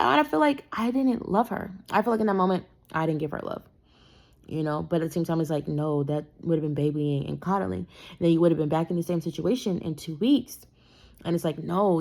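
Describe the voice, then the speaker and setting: A woman's voice: fairly low pitch, vocal fry, a little mellow. A young adult woman, a mother, telling a rambling, conversational parenting story with lots of fillers. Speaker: parenting vlogger. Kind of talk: casual storytime monologue.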